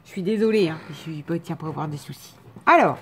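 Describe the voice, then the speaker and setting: A woman's voice: sits low, brisk, slight background noise. A woman unpacking craft gifts in a casual vlog, chatting and rambling, often correcting herself and laughing. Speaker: crafter showing a mail swap. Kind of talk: casual show-and-tell vlog.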